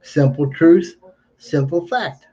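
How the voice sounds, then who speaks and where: Male livestream commentator, toothless and a little slurred, soft mellow tone, emphatic and repetitive, dull lo-fi sound. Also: a little high, takes it slowly. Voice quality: toothless, slightly slurred speech, learning to talk without teeth. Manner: emphatic, repeats phrases. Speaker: livestreamer giving political commentary. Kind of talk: unscripted political monologue. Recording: dull lo-fi stream audio.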